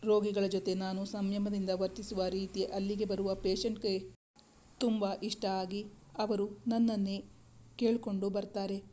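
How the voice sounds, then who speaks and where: A woman voicing a young woman doctor who speaks in a pleading, tearful, halting way. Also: mid-range voice, little pitch movement, dark tone, lightly acted. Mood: hurt.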